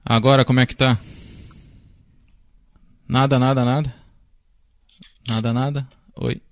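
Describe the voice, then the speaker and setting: Southern host, dry sound. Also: male voice, medium pitch, little pitch movement, measured pace, no room sound. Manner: plain, patient, checking the connection. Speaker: interviewer, host. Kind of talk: interview over a video call.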